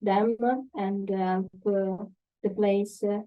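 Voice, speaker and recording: A woman speaking haltingly with many fillers on a video call. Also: medium pitch, completely flat delivery. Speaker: panel participant. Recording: tinny phone-like line.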